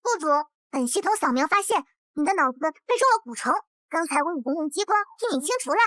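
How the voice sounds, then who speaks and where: A woman voicing a perky, childlike computer system in a fantasy drama, making brisk mechanical announcements. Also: high-pitched, lively intonation, a bit bright, dry recording, studio quality. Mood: brisk, matter-of-fact. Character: childlike, perky game-like system assistant, a machine. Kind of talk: costume fantasy drama acting.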